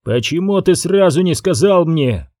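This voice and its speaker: A man's voice: a little high, lively intonation, measured pace, darkish tone, no room sound, clean studio sound, voice pushed up. A man reading an audiobook, voicing a ruthless, domineering rancher boss who speaks in brusque commands.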